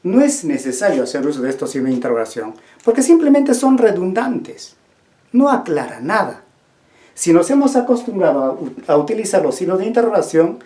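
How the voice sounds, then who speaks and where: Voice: mid-range voice, mellow. A teacher giving a language lesson, asking the class questions and repeating the key points. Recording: roomy echo.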